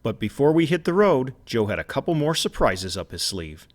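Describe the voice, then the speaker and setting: A man's voice: medium pitch, big pitch swings, moderate pace. A man narrating his channel's trip as host, in scripted voice-over.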